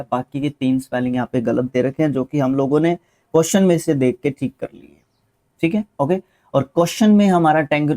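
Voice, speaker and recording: Male tutor, mid-pitched and mellow, walks through spelling answers casually. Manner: spells out English words letter by letter; casual explaining, with fillers and self-corrections. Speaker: teacher. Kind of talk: explaining a spelling test.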